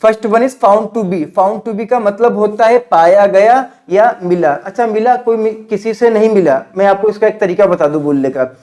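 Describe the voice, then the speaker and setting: A young man giving a video English lesson in Hindi, slowing down to say each English example sentence. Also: sits high, a little mellow. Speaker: English teacher. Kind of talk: classroom-style video lesson.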